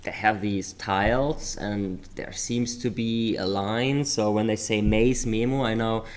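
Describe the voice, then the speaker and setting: A man's voice: fairly low pitch, steady tone, unhurried, clear, resonant tone. A man with a German accent commentating a live competition stream, explaining things eagerly with many fillers and restarts. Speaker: livestream commentator.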